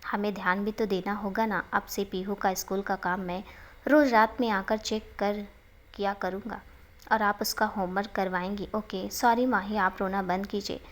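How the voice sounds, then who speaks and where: A woman voicing a gentle, caring young husband who speaks softly and coaxes a child. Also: medium pitch, fairly even intonation, normal speed, lightly acted. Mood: gentle, coaxing. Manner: soft coaxing, speaking kindly to a child.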